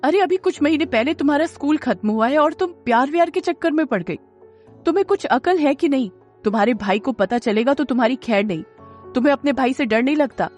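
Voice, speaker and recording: A woman's voice: mid-range voice, animated, moderate pace, darkish tone, faint music behind, natural voice. A woman narrator voicing an angry young male bodyguard who scolds and threatens in a harsh, clipped way.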